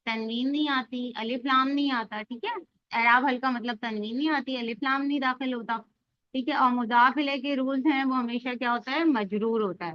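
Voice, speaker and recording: A woman's voice: sits high, no echo, dull audio. A woman teaching an Arabic grammar lesson, explaining step by step and quizzing her students as she goes.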